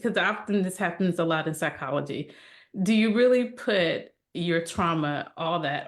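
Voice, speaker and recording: A woman co-hosting a casual discussion podcast, talking thoughtfully and often breaking into playful laughter. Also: deep voice. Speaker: podcast co-host.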